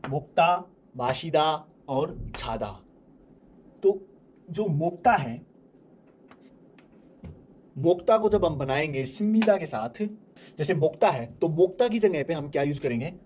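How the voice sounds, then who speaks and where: A young man teaching a language class, explaining grammar step by step and slowly repeating each example. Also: fairly high pitch, animated, darkish tone, a little hiss or hum. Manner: repeats examples slowly, asks and answers own questions.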